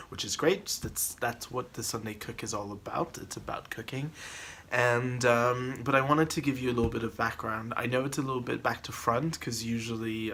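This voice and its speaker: A man's voice: mid-range voice, bright, forceful tone, slight background noise. A man from the Philippines hosting his cooking channel, chatting casually to a camera on a tripod, rambling with restarts and little laughs.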